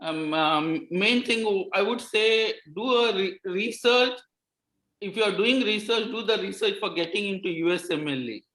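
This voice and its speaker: Guy on a panel call, kinda high voice, halting and earnest, lots of restarts, echoey room. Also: a bit bright. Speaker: pathology resident panelist. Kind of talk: online panel discussion. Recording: roomy echoey audio.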